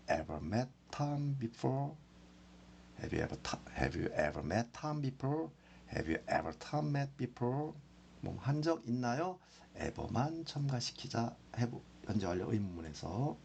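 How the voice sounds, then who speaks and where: A man teaches grammar at an unhurried pace, drawing out each example sentence. His voice is gravelly and swings widely in pitch. A faint hiss sits under the recording. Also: a little mellow. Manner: slow, repeats example sentences with long drawn-out pauses. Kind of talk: classroom grammar lesson.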